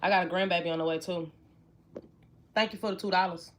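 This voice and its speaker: Chatty woman in her 20s doing a tarot reading, keeps repeating herself, cards shuffling loud in the background. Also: fairly low pitch, steady tone, fast talker. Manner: chatty, repetitive, talks straight to viewers. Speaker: tarot reader. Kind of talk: casual tarot reading to viewers. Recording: card shuffling noise clearly audible. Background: shuffling cards and clicks.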